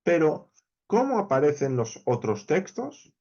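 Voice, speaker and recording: A man's voice: a little high, sing-song, a little slow, darkish tone, highs cut off. A man with a Spain Spanish accent, teaching a verse-by-verse Hebrew Bible lesson. He explains step by step, counts letters aloud and checks in often with his listeners.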